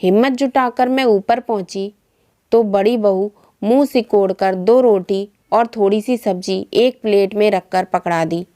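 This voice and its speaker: A woman's voice: medium pitch, unhurried, dark tone. A woman telling a family moral story in the first person, in an earnest and reflective reading.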